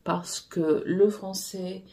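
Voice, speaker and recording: This romance author, a woman whose first language is Portuguese, coaches writers with frank, direct advice, speaking casually and hesitating often. Her voice sits fairly low and sounds mellow and steady. She talks extremely slowly.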